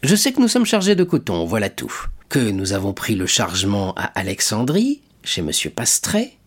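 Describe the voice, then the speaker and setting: A man reading the part of a scheming, jealous ship's accountant who talks in a smooth, persuasive way. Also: fairly low pitch, huge pitch swings, normal speed, exaggerated voice. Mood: evasive.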